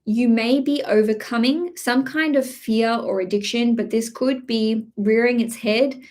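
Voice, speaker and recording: A woman's voice: fairly high pitch, unhurried, a little mellow. Woman astrology streamer, chatty, lots of fillers, slight cough. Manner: chatty, many fillers and restarts. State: slight cough, throat clearing. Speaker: astrology reader. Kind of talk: live-streamed horoscope reading.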